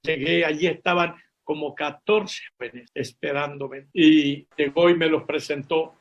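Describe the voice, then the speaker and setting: A man's voice: on the high side, fairly even intonation, measured pace, muffled recording. A man, a pastor and missionary, tells his testimony as a sermon, speaking to his brothers in faith and repeating words for emphasis. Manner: vivid storytelling, addresses listeners as brothers. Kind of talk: preaching a personal testimony.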